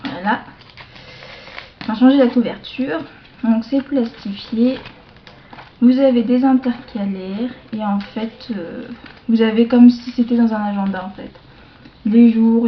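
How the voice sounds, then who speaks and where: A woman showing off a shopping haul to her viewers in a casual show-and-tell, hesitant, with many fillers and self-corrections, slipping into soft asides. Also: on the high side, a little hiss or hum. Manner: slow, chatty, drops into soft asides. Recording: dull lo-fi home video sound.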